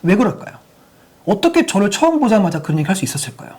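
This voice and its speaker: A woman's voice: mid-range voice, big pitch swings, rapid-fire, a little mellow, breathy edge. A woman giving a sex education lecture to parents, using many rhetorical questions to the audience.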